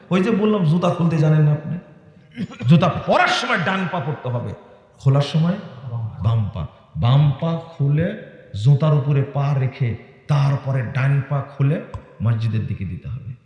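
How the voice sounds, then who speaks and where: Middle-aged male preacher, fairly high and lively voice, harangues with rhetorical questions, roomy hall. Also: moderate pace, lo-fi sound. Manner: scolding, rhetorical questions, rising to shouts. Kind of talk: Bengali waz sermon. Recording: echoey hall with long reverb.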